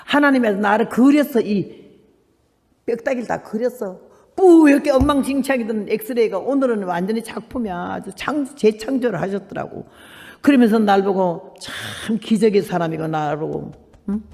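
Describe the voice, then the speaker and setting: A woman's voice: medium pitch, normal speed, darkish tone, long reverb tail. An older woman in her eighties, a missionary giving a testimony sermon, telling her story with fervent emphasis and acting out the people in it. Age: 80s. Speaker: missionary preacher.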